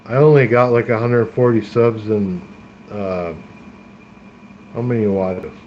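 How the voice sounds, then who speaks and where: A man's voice: fairly low pitch, steady tone, a little slow, dull audio, slight background noise. A man rambling casually to his livestream chat, full of fillers and restarts. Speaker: live streamer. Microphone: tablet streaming via phone hotspot.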